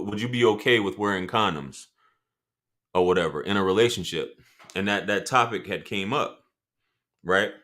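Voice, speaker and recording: A man with a deep, slightly bright voice hosts a casual livestream, reading out chat comments and talking loosely, with profanity and laughing asides.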